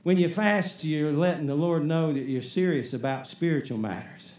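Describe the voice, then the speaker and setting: High-pitched emphatic preacher man. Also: moderate pace, darkish tone. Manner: emphatic, call-and-response preaching with "Amen?". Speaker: pastor. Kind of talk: sermon. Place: church. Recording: echoey church sanctuary.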